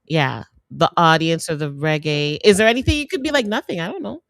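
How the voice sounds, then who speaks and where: A woman's voice: deep voice, a little fast, creaky, fairly bright tone, no room sound. A woman hosting a podcast, asking chatty questions and affirming her guest. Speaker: podcast host, former manager. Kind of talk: casual podcast interview.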